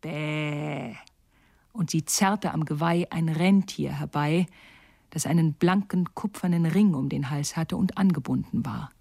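A woman narrating a fairy tale audiobook in a calm, even storytelling manner. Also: sits low, moderate pace, gravelly, breathy edge, no echo, clean studio sound.

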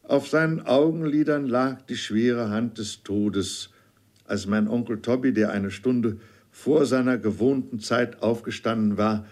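A male narrator reading a classic novel in scripted narration. His delivery is measured and unhurried, at an ordinary middle pitch. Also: a little mellow. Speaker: audiobook narrator.

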